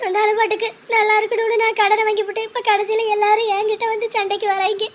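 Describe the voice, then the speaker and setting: A tearful young woman buried in debt, in a family drama, played by a woman. She pleads through sobs in a very high, strained voice. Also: flat delivery, quick pace. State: crying. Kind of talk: family web drama acting.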